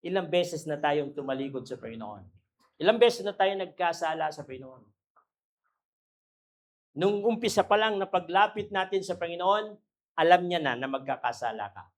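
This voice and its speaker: A male pastor with a Filipino accent preaching a sermon, lively and expressive, swinging between loud emphasis and quiet asides and laughing at his own jokes. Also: a little high. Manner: mixes English Bible phrases into Tagalog preaching.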